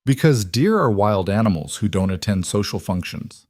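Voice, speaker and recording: A man voicing an earnest, devoted single father who speaks gently. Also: fairly low pitch, sing-song, moderate pace, dry recording, clean studio sound.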